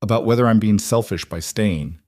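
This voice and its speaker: A worn-out, guilt-ridden young man, as a male narrator plays him, speaking in a strained, tearful way. The voice sits fairly low, and the room is dry with little reflection. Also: a little fast, a little mellow, dry recording, close to an everyday voice.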